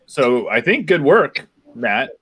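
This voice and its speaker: A man's voice: medium pitch, big pitch swings, takes it slowly, fairly bright tone, breathy edge. Chatty man hosting while eating. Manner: chatty, talks with his mouth full. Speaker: podcast host. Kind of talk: casual chat.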